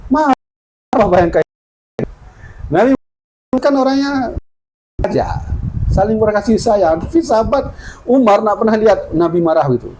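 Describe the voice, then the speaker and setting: A male preacher with an Acehnese Indonesian accent, speaking on the higher side and telling stories that he brings to life by voicing each character in turn. The recording carries a clear layer of background noise with occasional clicks. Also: expressive, unhurried, long pauses, darkish tone, poor audio. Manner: storytelling, acting out dialogue in changing voices. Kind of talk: sermon.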